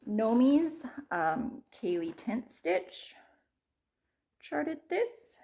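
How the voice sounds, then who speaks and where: A woman's voice: on the high side, big pitch swings, extremely slow, warm tone. A woman showing her stitching projects in a casual chat, rambling and correcting herself, laughing at herself and sometimes dropping to a whisper. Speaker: cross-stitch vlogger. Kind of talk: casual show-and-tell.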